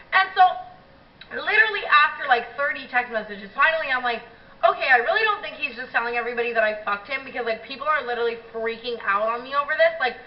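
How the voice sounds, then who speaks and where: A young adult woman YouTuber telling a story in a casual vlog, animated and profane, with constant filler words. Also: sits high. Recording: echoey room, distant dull mic.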